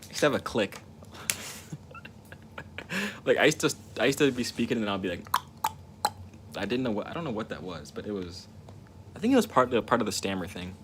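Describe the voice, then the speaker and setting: A very deep-voiced young man paints on a livestream and chats casually, fairly quickly but with long pauses. He stutters, muses and rambles, repeating words and restarting his thoughts, while steady ambient noise runs underneath.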